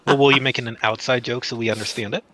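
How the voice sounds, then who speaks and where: Quick, bright-voiced male co-streamer. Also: medium pitch, fairly even intonation, no echo.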